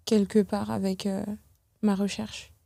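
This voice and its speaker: A young woman from France, a podcast guest talking in a reflective, hesitant way with many pauses and restarts. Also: mid-range voice, flat delivery, gravelly, dark tone, no echo. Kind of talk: casual podcast conversation.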